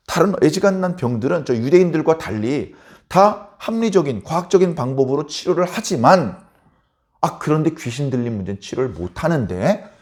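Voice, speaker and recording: Lively, dramatic Korean pastor preaching. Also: male voice, on the high side. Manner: dramatic, acts out biblical characters in voices. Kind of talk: dawn service sermon.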